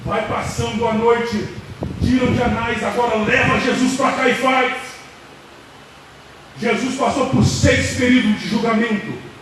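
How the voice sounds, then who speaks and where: A man preaching with a Brazilian Portuguese accent, retelling a story dramatically with sudden shouted peaks at a church service. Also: very high-pitched, fairly even intonation, measured pace. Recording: echoey hall, distant mic, noisy.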